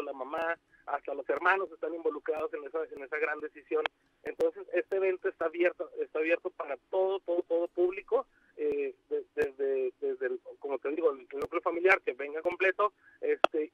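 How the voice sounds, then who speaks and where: A Mexican man being interviewed by telephone, speaking haltingly with many restarts and fillers. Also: on the high side, no room sound. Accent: Mexican Spanish. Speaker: university outreach coordinator, interview guest. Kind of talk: phone interview on radio. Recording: muffled dry phone line.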